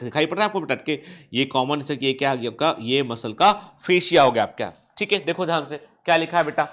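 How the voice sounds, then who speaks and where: A man with a slightly higher voice gives a biology lecture to students. He reads textbook sentences slowly, then explains quickly, asking little quiz questions and checking that students follow. His tone is patient and coaching. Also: fairly bright tone. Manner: calls students "beta" and checks with "theek hai". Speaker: biology teacher.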